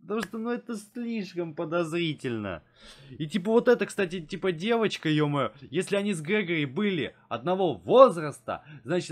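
Tired man rambling through reactions. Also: a little high. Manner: rambling, filler-heavy musing. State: tired, yawning. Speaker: reaction video host. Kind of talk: casual reaction commentary.

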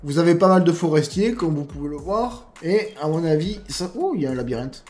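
This mod-reviewing gaming YouTuber speaks briskly and expressively, his fairly high voice a little mellow. He has a non-standard French accent and chats over gameplay with many fillers, friendly asides, and frequent "guys" for his viewers.

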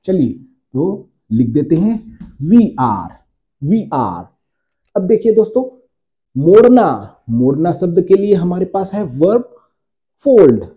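A man teaching English grammar to his viewers, slowing down to repeat each example sentence. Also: high voice, very animated, dull audio. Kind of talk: Hindi-language grammar lesson.

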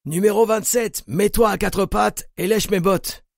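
A man's voice: high-pitched, measured pace, gravelly, no echo, voice pushed up. A vicious male camp guard, put on by a male audiobook narrator barks orders and insults in a raised, harsh voice. The reading sounds dry and close. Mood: barking cruel. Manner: barking, shouted insults. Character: brutal sneering male prison camp guard.

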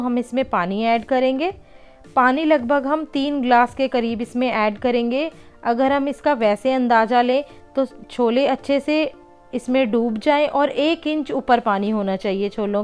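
A woman's voice: on the high side, clean tone. A woman hosting a home cooking channel, patiently explaining each step of a recipe in a voice-over and often calling her viewers friends.

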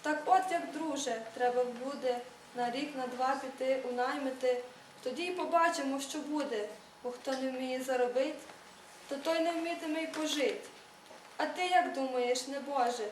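A woman reading aloud speaks as an old Cossack father, giving steady instruction. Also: high-pitched, normal speed, slight background noise, close to an everyday voice. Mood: advising. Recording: echoey room, read from far off.

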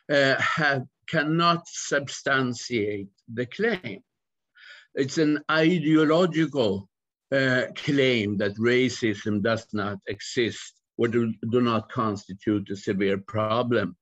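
A man in his sixties giving a measured academic talk over a video call from his home study. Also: medium pitch, fairly bright tone. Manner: measured, slow lecturing with fillers. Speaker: academic presenter. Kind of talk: online conference talk. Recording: muffled video call audio.

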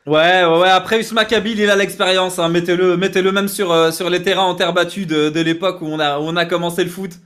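Bright, high-pitched cheering co-commentator. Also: male voice, steady tone, fast, few pauses. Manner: cheers players on, yells and laughs, chatty with the chat. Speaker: esports co-commentator. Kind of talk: excited live co-commentary.

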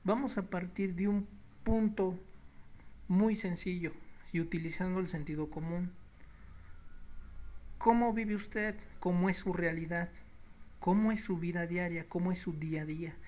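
This political blogger, a man with a Mexican Spanish accent, has a high, slightly mellow voice with a steady tone, a measured pace, and frequent pauses. He gives an indignant, sarcastic news commentary monologue, calling his listeners "you all".

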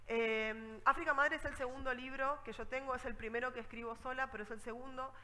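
Una mujer con acento rioplatense que da una charla de viajes y cuenta anécdotas con viveza, imitando a la gente de sus historias. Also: female voice, high voice, a little fast, big-room sound, poor audio. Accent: Rioplatense Spanish. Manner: lively storytelling, acts out scenes. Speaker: travel speaker. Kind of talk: conference talk with anecdotes.

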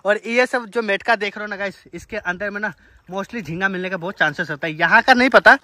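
A man's voice: sits high, fairly quick, bright, forceful tone, no echo. A young man vlogging outdoors by a river, chatty and playful, laughing often, recorded on a phone held at arm's length. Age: young adult. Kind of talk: casual outdoor vlog chat. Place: outdoors by a river and on a village road. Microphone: phone camera at arm's length.

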